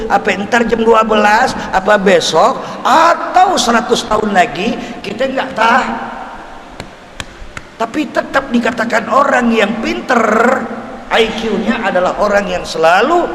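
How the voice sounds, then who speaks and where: An older man in his seventies gives a mosque sermon lesson in a Betawi Jakarta accent. His voice sits high and lively, and he acts out small voices and keeps asking the crowd questions. The talk rings through a large, echoey mosque hall with a long reverb tail and a faint hum of ambience. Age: 70s. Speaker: preacher.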